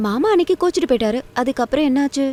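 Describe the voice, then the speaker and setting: A lively young woman. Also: high-pitched, rapid-fire. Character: young woman Renu, sneaking out. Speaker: lead actress. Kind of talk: web series acting. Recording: music playing under dialogue.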